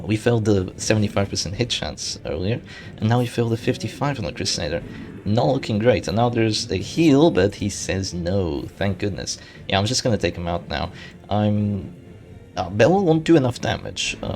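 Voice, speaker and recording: A man with a low, gravelly voice narrates his turn-based game match as he plays it, thinking aloud and hoping out loud for lucky rolls. His pitch jumps around a lot as he talks, and faint game music plays underneath. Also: a little hiss or hum. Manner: thinks aloud, hopeful and self-correcting. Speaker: gaming channel host. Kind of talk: live gameplay commentary.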